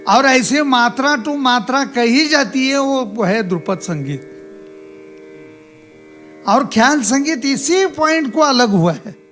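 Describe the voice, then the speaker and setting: A man, a tabla player, explaining rhythm theory slowly and deliberately in a played clip. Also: extremely high pitch, animated, fairly bright tone, faint music behind.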